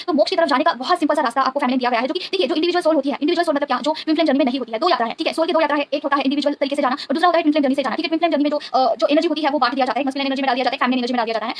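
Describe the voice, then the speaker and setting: A woman tarot reader giving an earnest, devout spiritual talk to her viewers, often checking in with a quick "okay?". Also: high voice. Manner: devout, keeps asking the listener "okay?".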